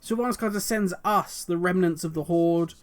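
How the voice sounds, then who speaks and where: Speaking at a normal speed, a high-voiced man whose worn throat is turning hoarse hosts a solo video about game lore. He thinks out loud, passionately rambling from one idea to the next.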